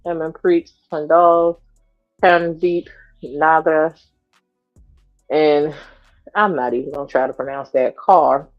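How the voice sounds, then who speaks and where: Low-voiced blunt woman co-host. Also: fairly even intonation, slow pace, long pauses, dull audio, faint music behind. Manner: blunt, dry, swears casually. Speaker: livestream co-host. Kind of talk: casual chat, reading a report aloud.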